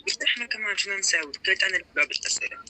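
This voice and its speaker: A young man with a Levantine Arabic accent chatting casually and telling a story in an animated way, quoting dialogue as he goes. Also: high voice, rapid-fire, rough recording. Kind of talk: casual chat on a prank call.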